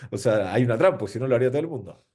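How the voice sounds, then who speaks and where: An Argentine man gives an informal seminar talk on marketing. His pitch swings widely as he asks rhetorical questions and drops slang. The tone of his voice is warm and mellow. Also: animated, fairly quick. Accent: Argentine Spanish. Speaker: marketing speaker. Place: venue with an audience.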